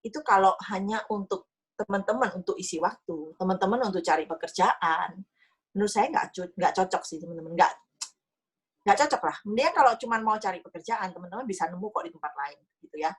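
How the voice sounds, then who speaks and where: A woman's voice: medium pitch, lively intonation, brisk, husky. A young woman, an insurance agent, chatting casually and motivationally to colleagues, mixing in English words and laughing often. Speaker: insurance agent sharing her experience.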